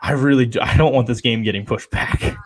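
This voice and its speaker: A man's voice: mid-range voice, brisk. A young man co-hosting a casual sports chat show, rambling and opinionated with lots of fillers. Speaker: podcast co-host.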